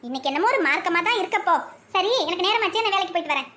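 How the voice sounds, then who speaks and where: A woman voicing a gruff, impatient working husband in a cartoon, with a Kanyakumari Tamil accent, barking orders. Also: very high-pitched, lively intonation, very fast, fairly bright tone, slight background noise.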